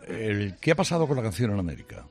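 A male radio host asking enthusiastic, quick questions in an interview. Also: on the low side, huge pitch swings, creaky, music in the background.

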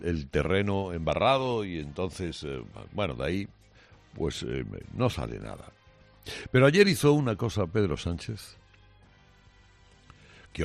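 A male radio host delivering a combative, sarcastic opinion monologue a studio, with many pauses and restarts. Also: deep voice, vocal fry.

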